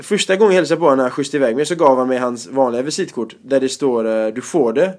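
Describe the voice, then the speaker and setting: A male stand-up comedian being interviewed, telling lively anecdotes in casual chat and often laughing. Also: mid-range voice.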